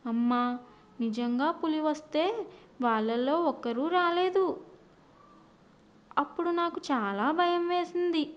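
A woman voicing a mischievous young shepherd boy in a cartoon story, pitching her voice up high. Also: slow, pauses often, dull audio. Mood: frightened.

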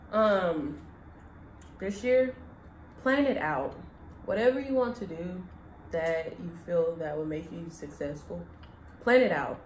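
A woman's voice: on the low side, darkish tone. A young woman chatting casually as a mukbang co-host, chewing while she talks. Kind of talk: casual chat while eating. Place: indoor room at a table. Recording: echoey room, light background noise.

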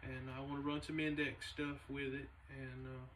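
A laid-back man talks in a flat, even tone and stops often for fillers. He sits in a large garage shop, and his voice comes from a camera several meters away, so it sounds distant and roomy. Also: mid-range voice, moderate pace, slight background noise. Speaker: race car builder and shop owner. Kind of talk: casual vlog talk. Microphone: camera a few meters away.

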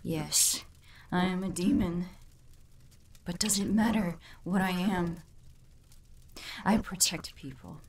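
A woman voices a weary, protective demon hunter in an audio drama, gentle but resolute, delivering her lines in a measured, solemn way. Her pitch sits on the low side, and there's a little hiss or hum on the recording.

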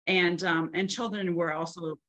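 A woman's voice: lowish voice, steady tone, moderate pace, sharp tone. Woman on a choppy, breaking-up conference call. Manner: hesitant, many fillers and restarts. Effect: choppy conference-call audio breaking up. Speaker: panelist. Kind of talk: webinar panel remarks. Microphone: video call.

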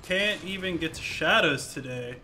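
A man's voice: a little high, expressive, moderate pace, background noise. A man giving laid-back, chatty commentary while streaming a game, chuckling often. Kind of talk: casual gameplay commentary.

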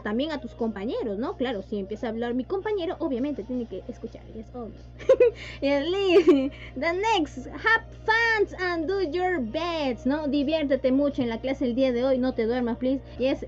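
Teaching English online, this woman has a high, warm voice and keeps dropping in "yes" and "¿no?" as she switches between Spanish and English. She's heard through a video call with dull, low-fidelity audio and a faint hum underneath.

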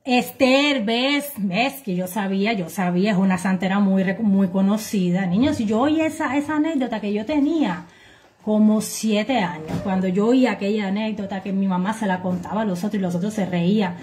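A Cuban woman vlogging to her viewers, telling anecdotes in a sarcastic, animated way and swearing freely. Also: medium pitch, normal speed. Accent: Cuban Spanish. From Cuba. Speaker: vlogger commenting on current affairs. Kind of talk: casual monologue to viewers.

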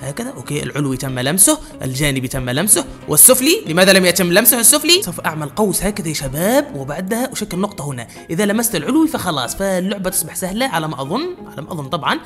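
A man hosting a gaming channel, giving excited gameplay commentary, frantically urging himself on against the clock and bursting into high shouts. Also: very fast, few pauses, soft background music.

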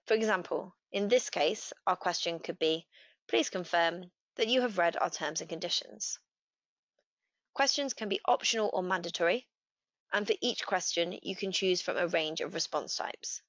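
A woman narrating a scripted software tutorial, walking through each step in a steady, clear way. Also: lowish voice, moderate pace, dry recording. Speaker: customer success manager. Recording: dry, slightly dull voice-over.

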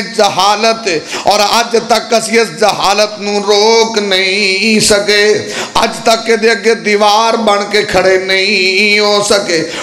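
A man's voice: high voice, a bit bright. A man preaching a sermon, stretching his phrases out and slipping in humorous asides.

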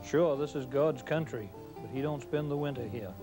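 A man's voice: mid-range voice, moderate pace, music in the background. Drawling Maine man spinning tall tales. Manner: dry, drawling, plain-spoken yarn spinning. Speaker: storyteller host. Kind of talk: folksy tall-tale storytelling. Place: studio kitchen set.

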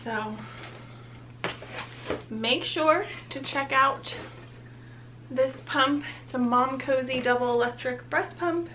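A woman's voice: high-pitched, takes it slowly, long pauses, bright, forceful tone, a little hiss or hum. A young woman, heavily pregnant and a bit out of breath, chatting casually through a product unboxing as a vlogger. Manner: chatty, upbeat.

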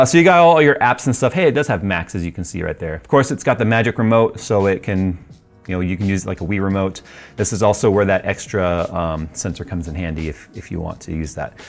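A man's voice: deep voice, quick pace, soft background music. A man in his forties casually reviewing tech gear, talking in a chatty, rambling way with frequent ums and laughs, in a studio room with a desk setup. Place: studio workshop and desk setup with purple and red lighting.

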